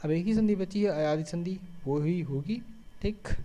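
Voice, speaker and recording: A man's voice: sits high, moderate pace, mellow. A man teaching a grammar lesson step by step, asking questions and answering them himself, with frequent checking words. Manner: explains step by step, often asks and answers his own questions. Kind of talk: board-style grammar lesson.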